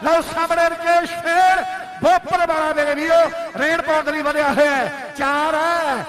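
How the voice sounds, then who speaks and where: A man with an Indian Punjabi accent commentates on a village kabaddi match. His voice is pitched extremely high, and he calls out in an excited, declamatory way as he hails players and organisers. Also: moderate pace, poor audio. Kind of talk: excited rural sports commentary.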